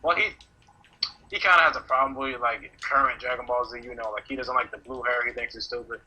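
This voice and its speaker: Man, podcast co-host, rambling, quick pace, husky tone. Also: mid-range voice, steady tone, sharp tone, rough recording. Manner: rambling, talks over others while gaming. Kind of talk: casual podcast chat.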